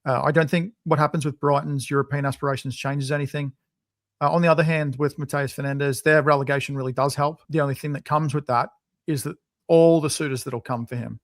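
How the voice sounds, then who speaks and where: A man's voice: fairly high pitch, a little fast, dry recording, clean studio sound. A man with an Australian accent, co-hosting a podcast in casual, opinionated chat. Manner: chatty, opinionated, lively. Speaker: podcast co-host.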